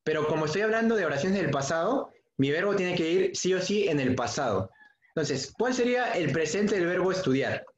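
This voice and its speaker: Male schoolteacher on a video call, patient and repetitive, slightly high voice, echoey lo-fi audio. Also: animated, a little fast. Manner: patient, repeats key points often; asks students questions by name. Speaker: secondary school English teacher. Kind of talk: online class lesson. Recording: dull, echoey room sound.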